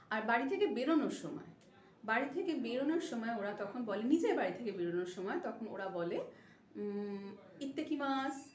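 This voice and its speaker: Woman teaching in an echoey room. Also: on the high side. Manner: explains step by step, repeats phrases slowly. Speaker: Japanese language teacher. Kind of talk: casual spoken lesson. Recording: echoey room with faint noise.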